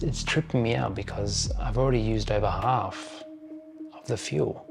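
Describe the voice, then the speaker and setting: Low-voiced man in his forties, slow reflective pace, creaky, music underneath. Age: 40s. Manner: slow, thoughtful, pausing often. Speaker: vlogger. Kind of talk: reflective personal monologue.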